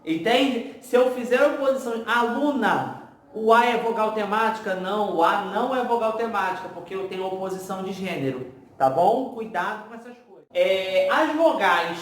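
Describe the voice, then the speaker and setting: A man with a Brazilian Portuguese accent teaching a grammar lesson for exam prep. He explains step by step and keeps checking in with the students. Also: high-pitched. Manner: explanatory, repeats "tá?" to check understanding. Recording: very echoey room, faint ambient noise.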